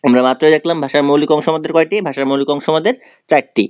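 A man's voice: a little high, fairly even intonation, very fast, a little mellow, smooth, dry recording. A young man teaching an exam-prep lesson, explaining step by step and repeating the key answers. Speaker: tutor. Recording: dry, slightly dull sound.

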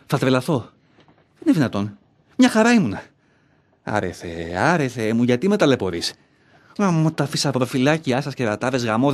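Brief: male actor as a middle-aged, self-loathing bank clerk in a stage monologue, muttering and quarrelling with himself, pitch swinging widely. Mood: panicked, gasping. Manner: talks aloud to himself, argues with his own self. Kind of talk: theatrical monologue.

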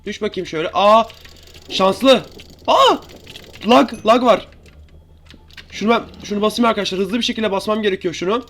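Fast-talking excitable young man gaming. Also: high-pitched, a little hiss or hum. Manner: excitable, chatty, talks to viewers and opponents. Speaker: gaming youtuber. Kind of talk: live gameplay commentary. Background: keyboard and mouse clicks.

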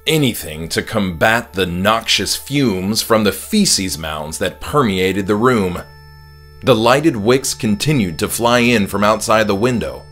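Over background music, a man reads his own horror audiobook as a dramatic first-person storyteller. His voice is lowish and a bit bright, delivering scripted narration.

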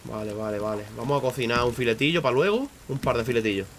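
A man giving casual, swear-heavy live commentary on a game, breaking into loud high shouts when startled. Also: fast, slight background noise. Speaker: streamer.

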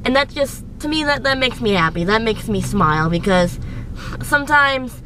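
A woman's voice: a little high, lively intonation, normal speed, noisy background. A young woman rambling goofily and self-deprecatingly in a casual vlog, filmed on a handheld camera at work and at home. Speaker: vlogger. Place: workplace and home.

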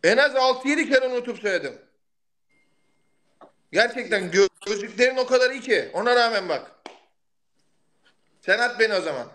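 Loud excitable guy hosting a live stream, really high voice, swears a lot. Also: moderate pace, long pauses. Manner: loud, excitable, shouts gift thanks; swears casually. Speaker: livestream host. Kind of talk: casual live-stream chat.

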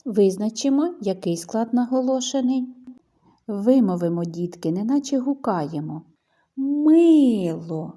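A woman teacher giving a lesson to young children, talking in a slow sing-song way and drawing out her words. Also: medium pitch, animated, warm tone.

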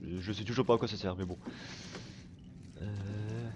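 A man giving casual gameplay commentary while he plays, swearing constantly and breaking into excited outbursts. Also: fairly low pitch, normal speed, very noisy. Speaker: let's play gamer.

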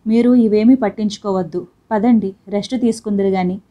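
A woman's voice: medium pitch, fairly even intonation, a little fast, dark tone, dull audio, close to an everyday voice. A woman reading the part of a stubborn young husband who speaks reproachfully and firmly. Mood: resentful. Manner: sulky, reproachful and firm.

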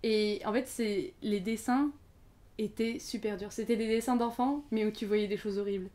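A young woman in her twenties talks as a podcast guest in a relaxed, chatty way. She strings her thoughts together with fillers and restarts, never quite finishing one sentence before the next begins. Her pitch sits in an ordinary middle range. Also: normal speed. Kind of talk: casual conversation.

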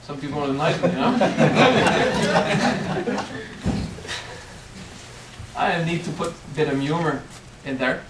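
Animated yet slow, his voice a little high, the middle-aged man pauses often as he teaches. He's a spiritual teacher with a French accent giving a playful workshop talk and checking in with "okay?", recorded from a distance by a camera in an echoey hotel meeting room with background noise.

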